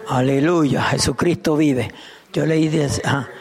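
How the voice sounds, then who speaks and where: A man preaching a sermon as pastor to his church, lively, with sudden shouts and laughter. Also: fairly high pitch, unhurried.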